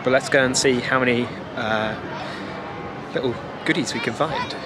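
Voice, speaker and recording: With a medium-pitched voice and a moderate pace, a young British travel vlogger narrates a relaxed walk-around in a busy theme park. He keeps the camera at arm's length and chats through loosely improvised observations while crowd chatter and heavy ambient noise fill the background.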